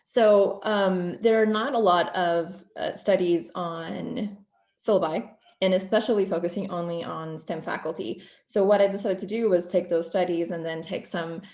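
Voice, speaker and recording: Portuguese-born woman giving a talk on a video call, lowish voice, roomy echo, lots of ums. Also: steady tone, moderate pace, a little mellow. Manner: fluent, careful, with many ums and restarts. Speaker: guest speaker, program coordinator. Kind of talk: presentation over video call.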